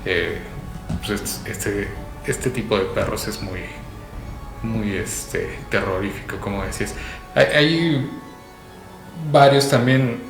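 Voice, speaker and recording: A low-pitched man talks through ideas in a relaxed panel chat, checking in with short tag questions. His voice echoes in the room, and clear music plays underneath. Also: slow, pauses often. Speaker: podcast co-host.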